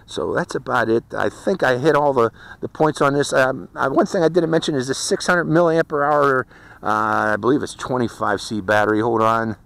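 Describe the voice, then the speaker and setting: A man's voice: mid-range voice, steady tone, normal speed, vocal fry, a bit bright, no echo. A man casually reviewing a small racing drone in a folksy, chatty way, with fillers and light laughs. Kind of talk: casual product review and flight commentary. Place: outdoors during flight.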